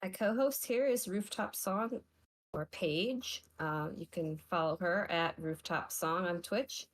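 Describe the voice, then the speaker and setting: A woman speedrunner and variety streamer chatting casually on a livestream, relaxed and a little rambling. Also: on the low side, a little slow. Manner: chatty, relaxed, uses fillers.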